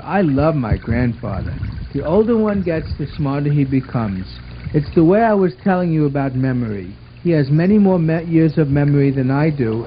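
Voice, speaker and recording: Pitched a little high and lightly acted, a man performs a puppet character: an earnest, orderly boy of twelve who lectures in a bossy, fond manner. The scripted show is captured on a muffled amateur recording with watery noise.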